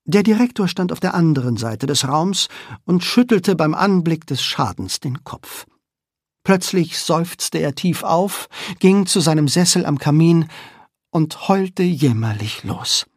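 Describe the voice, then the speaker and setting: A man reading a children's storybook aloud as an expressive narrator. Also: on the high side, measured pace, no echo, studio quality.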